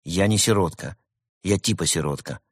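A man's voice: deep voice, normal speed, husky, no room sound, clean studio sound. A man voicing a stubborn young tiger cub who grumbles and then speaks earnestly. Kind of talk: audiobook reading.

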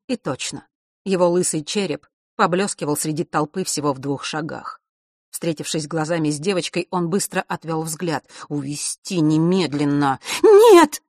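A woman reading a novel aloud as audiobook narration, measured and expressive. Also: sits low, no room sound, studio quality.

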